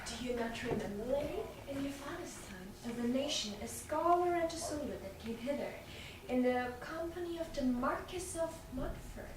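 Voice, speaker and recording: High-voiced Nerissa, played by a woman, echoing room. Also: lively intonation, normal speed. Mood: teasing admiration. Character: loyal, teasing young lady-in-waiting. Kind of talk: staged reading of Shakespearean comedy. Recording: echoey, noisy room from far off.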